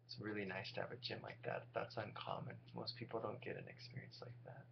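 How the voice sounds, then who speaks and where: A man's voice: lowish voice, steady tone, fairly quick, gravelly. A tired, sleep-deprived man in his forties talking casually and candidly to viewers in a rambling, self-deprecating monologue. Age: 40s. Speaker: vlogger. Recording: dull lo-fi audio with loud hum.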